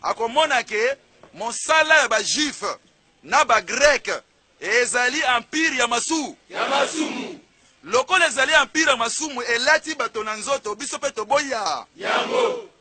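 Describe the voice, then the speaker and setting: Bright, pushed and edged with breath, a very high male voice with a Congolese accent preaches in a declamatory street-sermon style. He punches out emphatic rhetorical questions while a faint crowd can be heard behind him.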